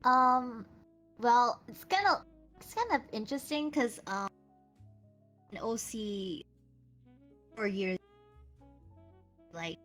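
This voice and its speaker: Young woman, soft-spoken, hesitant, casual guest chat, choppy online connection, uneven cutting-out volume. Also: on the high side, animated, takes it slowly, pauses often, soft background music. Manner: soft-spoken, hesitant, many fillers and restarts. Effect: choppy online voice chat that cuts out, uneven volume. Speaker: guest streamer.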